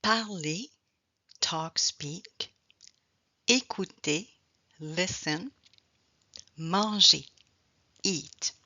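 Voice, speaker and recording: Woman teacher, bright clear tone, slow patient repetition, muffled dry recording. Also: lowish voice, no room sound. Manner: slow, clearly enunciated, repeats words in French and English. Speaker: French teacher. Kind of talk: slow bilingual language lesson. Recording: dull lo-fi sound, dry.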